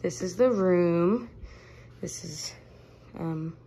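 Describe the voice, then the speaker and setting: A woman's voice: on the low side, drawn-out words, mellow. A young woman vlogging her trip in casual narration, chatty and often giggling, filmed on a handheld phone. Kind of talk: casual travel vlog narration. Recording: noisy travel background, vehicles.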